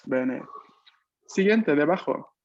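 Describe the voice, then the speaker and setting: A man's voice: a little high, expressive, dull audio, a little hiss or hum. A man teaching an online language lesson, patiently repeating answers and checking in constantly with short tag questions. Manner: repeats students' answers and explains slowly. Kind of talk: online Italian lesson taught in Spanish. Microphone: video call microphone.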